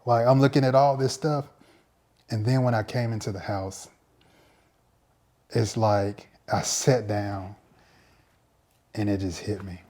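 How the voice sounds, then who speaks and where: A male pastor giving a personal faith testimony in a reflective, halting way, often repeating words as he searches for them. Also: on the low side, steady tone, darkish tone.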